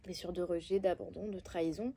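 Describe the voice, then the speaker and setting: A woman's voice: lowish voice, fairly even intonation, a little fast, mellow, a little hiss or hum. A woman with a Belgian French accent gives a casual oracle card reading, speaking straight to her viewers with coaxing but blunt advice and many hesitations.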